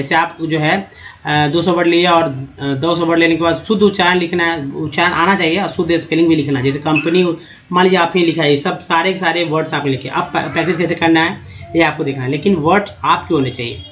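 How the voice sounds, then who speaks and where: Higher-voiced man teaching from slides. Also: fairly even intonation, a bit bright. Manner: spells words out slowly letter by letter, addresses viewers as friends. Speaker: English teacher. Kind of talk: slide-based language lesson.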